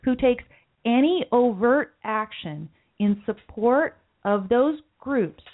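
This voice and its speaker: Slow and expressive, a woman with a fairly high voice hosts a political podcast. She thinks aloud earnestly, repeating words often, in a light voice she herself labels mousy. The recording has a lo-fi, telephone quality.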